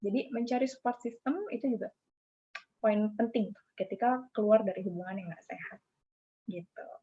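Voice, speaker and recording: A woman psychologist explaining advice in a relaxed, informal way, often tagging sentences and pausing on small fillers. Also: medium pitch, slightly rough. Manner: relaxed, informal, frequent "gitu" tag and "apa namanya" fillers. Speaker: psychologist guest. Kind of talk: casual explanatory advice talk. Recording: dull lo-fi audio.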